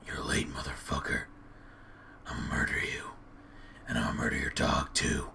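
A man's voice: extremely low pitch, fairly even intonation, a little slow, gravelly, bright, forceful tone. A man leaving an answering-machine message in a profane, mock-threatening whisper. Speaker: caller leaving a voicemail.

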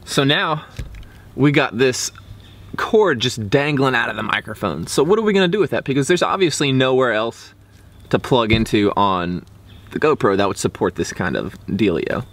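A man's voice: mid-range voice, expressive, moderate pace, fairly bright tone. Informal young man vlogging outdoors. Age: 20s. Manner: informal, slangy. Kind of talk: casual product review to camera. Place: outdoors, backyard and woods. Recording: faint outdoor background noise.

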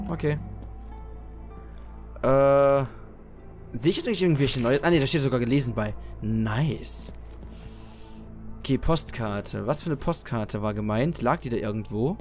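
Lively-pitched man playing a game, music behind. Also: normal speed. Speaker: let's player. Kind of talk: casual gameplay commentary. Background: video game music.

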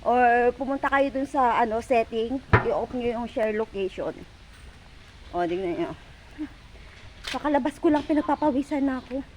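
A chatty, teasing woman talks into her phone as she walks along a city street, a little breathless. Her voice sits fairly high, and faint outdoor noise hums behind her. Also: rough recording. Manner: chatty, teasing, walking while talking. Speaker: vlogger. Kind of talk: casual walking vlog.

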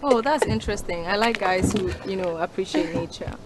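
A woman's voice: mid-range voice, brisk, very noisy, close to an everyday voice. Coy, ladylike young actress as a woman. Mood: curious. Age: young adult. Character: polite, inquisitive, ladylike young woman being courted. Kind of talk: comedy web series acting. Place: outdoors in a residential yard.

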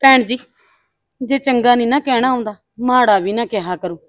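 An actress with a Punjabi accent playing a gentle older woman who quietly tries to calm a family quarrel. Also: on the high side, normal speed, dry recording, muffled recording, lightly acted. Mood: placating. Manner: soft, placating. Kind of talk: village family drama acting.

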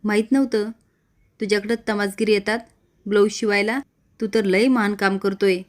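A woman's voice: medium pitch, flat delivery, normal speed, close to an everyday voice. Brief: blustering older village patriarch and wrestler, scolding and bossy, read out by a woman narrator.

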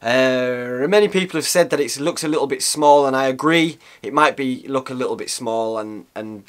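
A man's voice: mid-range voice, normal speed. A man in his thirties talking casually to camera in a small cosy room, rambling and restarting his sentences. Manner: chatty and rambling, with frequent restarts and fillers. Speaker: outdoor cooking vlogger.

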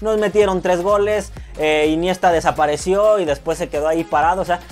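A young man with a Mexican accent commenting casually on his own football video game match, excitable, swearing and yelling when goals go in. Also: sits high, fairly quick. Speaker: gaming youtuber. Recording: loud music behind the voice.

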